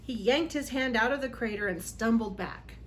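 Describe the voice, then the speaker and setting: A woman with a fairly high voice reads a storybook aloud to children at a moderate pace, hosting the session. She's dramatic and emphatic on the exciting moments, with a little hiss or hum in the background.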